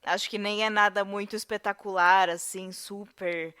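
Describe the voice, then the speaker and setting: A woman's voice: mid-range voice, steady tone, moderate pace, sharp tone, clear, resonant tone. A Brazilian woman, a podcast guest, casually discussing a film with hesitant fillers and restarts. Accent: Brazilian Portuguese.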